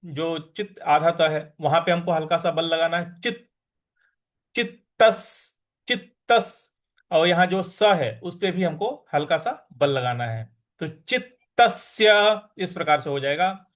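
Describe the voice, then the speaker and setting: A man teaching Sanskrit verse recitation, chanting lines slowly and then explaining pronunciation quickly. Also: a little high, a bit bright. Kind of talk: recitation lesson.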